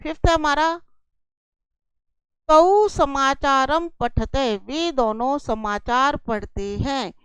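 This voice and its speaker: A woman teaching a Sanskrit lesson in a slow, deliberate way, patiently repeating each example and explaining it. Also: sits high, dry recording, low-quality recording.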